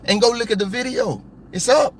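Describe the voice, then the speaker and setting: A man's voice: extremely high pitch, fairly quick, slight background noise. A man hosting a live stream, ranting hotly and with plenty of profanity. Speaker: copwatch channel host.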